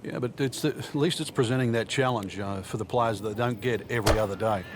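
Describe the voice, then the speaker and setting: A man works as a golf commentary analyst, explaining play in a conversational way. His voice is medium in pitch, with slight outdoor noise behind it. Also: fairly quick. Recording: faint outdoor background noise.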